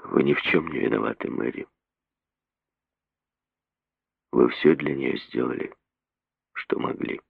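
A man playing a soft-spoken, tender doctor. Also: very deep voice, creaky, husky, no room sound, narrow, tinny audio, voice pushed down, full character voice. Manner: quiet, slow and soft-spoken. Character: gentle, tender male doctor.

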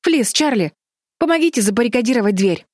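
A woman's voice: fairly high pitch, expressive, fairly quick, dry recording, clean studio sound, voice pushed up. Brave girl heroine, urgent rallying tone, read by a woman narrator. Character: determined girl heroine, bold leader.

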